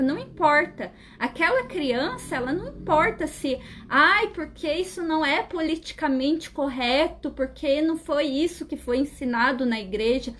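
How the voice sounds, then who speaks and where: A woman's voice: high voice, fairly bright tone. A woman giving an informal spiritual talk as a therapist, speaking conversationally and constantly checking in with "right?" while acting out inner voices. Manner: conversational, frequent "né?" tag questions, acts out inner dialogue.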